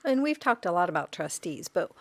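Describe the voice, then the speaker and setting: A woman's voice: on the low side, big pitch swings, fairly quick, creaky, dry recording. A woman co-hosting a financial radio show, asking questions to set up the topic. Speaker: radio co-host. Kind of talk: casual radio chat.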